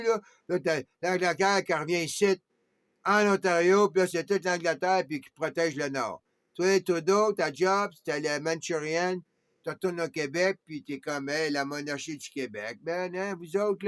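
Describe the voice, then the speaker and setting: A man's voice: on the high side, no echo. A man with a Québécois accent, talking in a rambling monologue that jumps between ideas, with constant tags like "man" and "hein". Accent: Québécois French.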